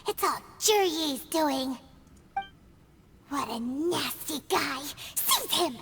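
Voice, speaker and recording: A woman voicing a tiny, excitable, childlike floating girl companion in a video game. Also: high-pitched, extremely slow, noisy background, heavily acted. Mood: alarmed, indignant. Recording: loud game music under voice. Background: loud music.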